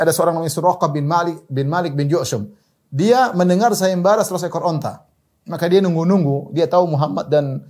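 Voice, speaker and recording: Fast-talking animated male preacher. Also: a little high. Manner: animated storyteller, voices quoted characters. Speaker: Islamic preacher. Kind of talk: storytelling sermon.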